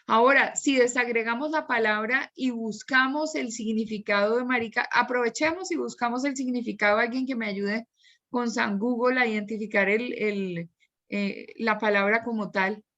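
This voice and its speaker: A woman teaches an online class and explains at length with examples. Her voice is bright and forward. The audio is dull and lo-fi. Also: a little high, fairly even intonation, moderate pace.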